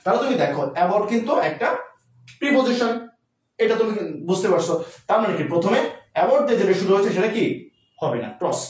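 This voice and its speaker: Fast, high-voiced male tutor, echoey. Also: lively intonation, far from the mic. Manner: addresses students informally, mixes English terms into Bengali. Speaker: admission test English tutor. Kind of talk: live online class, explaining exam questions. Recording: roomy echo, voice a bit off-mic.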